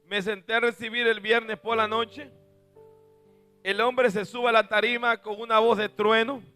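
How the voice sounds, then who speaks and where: A man preaching a sermon and telling stories from the pulpit, swinging from booming shouts to soft asides. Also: level tone, a little slow, smooth, soft background music. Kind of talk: sermon with storytelling.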